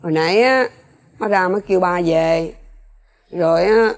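A woman's voice: on the low side, moderate pace, lightly acted. A woman playing a worried middle-aged rural mother with a Southern Vietnamese accent, speaking anxiously and pleadingly in a TV reenactment drama. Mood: soothing. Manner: pleading, anxious, soft-spoken.

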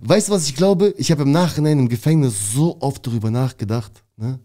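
A man's voice: mid-range voice, fairly quick. Slangy man telling a story. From Berlin, Germany. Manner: slangy and animated, calls the listener "bro". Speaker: interview guest. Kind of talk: casual storytelling.

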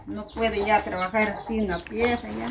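A woman's voice: medium pitch, fairly even intonation, normal speed. A middle-aged woman talking casually as an interviewee in an open-air yard, picked up by a camera a few steps away. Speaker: interviewee, daughter caring for her father. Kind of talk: casual chat. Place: open-air covered yard of a rural house. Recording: noisy outdoor camera audio, roosters and birds.

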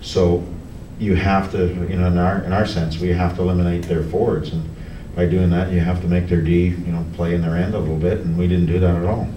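Low flat-voiced coach in an echoey press room. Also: male voice. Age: middle-aged. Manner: halting, many restarts and fillers. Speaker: hockey coach. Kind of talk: post-game press conference. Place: press room in front of a team backdrop. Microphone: table mic on a stand, heard from a camera farther off. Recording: echoey room, distant camera, background noise.

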